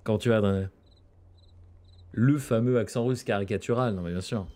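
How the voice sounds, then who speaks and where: A man's voice: lowish voice, moderate pace, warm tone. A man casually commentating a horror game, chatty and joking with slang and asides. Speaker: gaming streamer. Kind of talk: let's play commentary.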